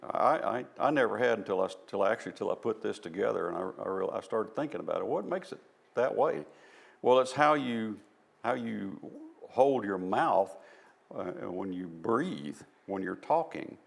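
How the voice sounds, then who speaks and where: A man's voice: fairly low pitch, animated, moderate pace, gravelly, husky. A man with a Southern US accent giving an informal presentation at a church, explaining things step by step in a folksy, self-deprecating way. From American South. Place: church hall.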